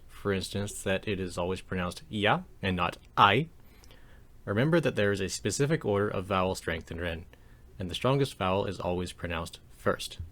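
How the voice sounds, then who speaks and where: A man teaching a language lesson over slides, explaining calmly and slowing down to demonstrate sounds. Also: sits low. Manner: calm, measured explanation with slow demonstrations of sounds.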